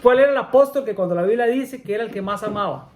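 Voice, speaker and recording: A man's voice: sits high, fast talker, crowd noise. A man preaching a sermon in a church, often repeating himself, asking the congregation questions and saying amén between points. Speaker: pastor.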